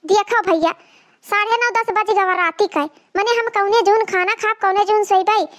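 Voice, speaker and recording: A woman plays a cartoon mother-in-law, an old village woman who nags and complains without end. She speaks with a broad Awadhi accent in a very high, shrill voice and a slow, drawn-out delivery. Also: steady tone. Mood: scolding. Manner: loud, nagging, complaining. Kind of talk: cartoon comedy voice acting.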